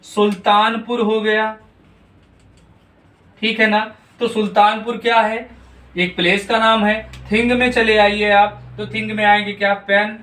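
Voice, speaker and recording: A man's voice: sits high, level tone, measured pace, a bit bright, distant mic. Man, grammar teacher, video lesson, asks and answers his own questions, mic set back in an echoey room. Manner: repeats questions to students and answers them himself; checks in often with "theek hai na". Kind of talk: classroom-style video lesson.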